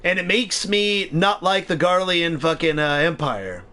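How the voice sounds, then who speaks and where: A young man streaming a game, chatting casually and excitedly, swearing freely and talking back to the game. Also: sits high, measured pace. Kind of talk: casual gaming commentary.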